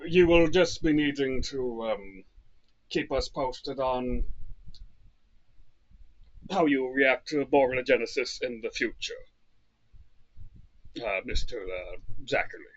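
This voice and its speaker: Male game master, husky and hesitant, recorded on a dull lo-fi mic. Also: medium pitch. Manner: halting, hesitant with many ums. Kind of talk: running a tabletop game over voice chat.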